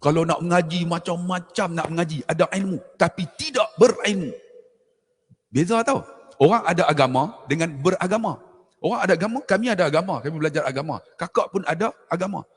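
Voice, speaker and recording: A middle-aged man from Malaysia telling animated, jokey stories to an audience at a religious forum. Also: fairly high pitch, brisk, breathy edge. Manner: lively, jokey, addresses audience as tuan-tuan. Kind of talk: animated storytelling talk to an audience. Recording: hall reverb.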